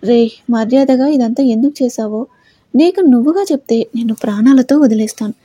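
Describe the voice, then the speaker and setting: A hot-tempered young male police officer in an audio story, as a woman narrator acts him out, snapping threats. The tone is dark and husky, a touch high, in a dry close recording. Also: a little fast, dry recording. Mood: furious. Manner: furious, threatening.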